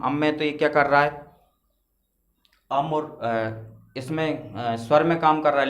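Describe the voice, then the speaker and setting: A man teaches a lesson at a middle pitch, putting questions to his students and then answering them himself. His voice carries a roomy echo, as if recorded in a bare classroom. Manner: explains step by step, asks and answers his own questions. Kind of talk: classroom lecture.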